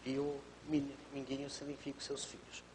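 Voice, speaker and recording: A man in his fifties, a pastor, explaining calmly on a live TV talk show. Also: medium pitch, normal speed, in a large hall, slight background noise, low-quality recording.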